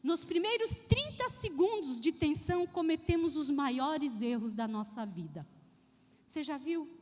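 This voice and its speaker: A woman pastor preaches a lively sermon in a very high voice. She speaks straight to her congregation and acts out the people in her stories. Her voice rings with a long reverb through the church hall. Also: measured pace. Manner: addresses the congregation directly.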